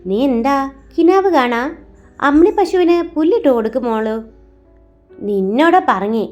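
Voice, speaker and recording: A woman voicing a bossy older lady of a big house, who scolds loudly in a high voice. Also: animated, a little slow, soft background music. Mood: scolding.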